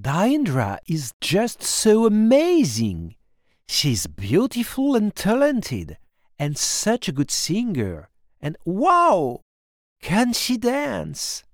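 A man reading a storybook and voicing an excitable, chatty teenage girl who fills her talk with fillers. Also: high-pitched, drawn-out words, dry recording, studio quality, pitched above the performer's own voice, full character voice. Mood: gushing. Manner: chatty, breathless, lots of fillers.

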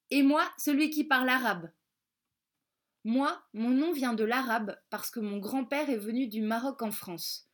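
A woman reading a children's storybook in the first person of a schoolgirl, in a careful, gently spoken way. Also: on the high side. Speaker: storybook reader.

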